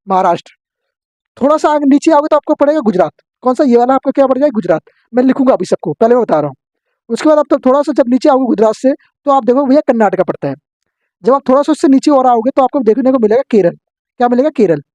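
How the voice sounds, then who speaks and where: A man teaching an exam-prep geography lesson, drilling his students with quick questions and answers. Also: extremely high pitch, darkish tone, dry recording, dull audio.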